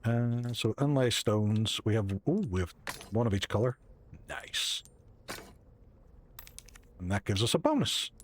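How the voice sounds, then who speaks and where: A man's voice: mid-range voice, animated, a little slow, long pauses, slight background noise. A man casually commentating a game playthrough, rambling and talking to himself and his viewers. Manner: chatty, rambling, talks to himself and chat. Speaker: gamer streaming a playthrough.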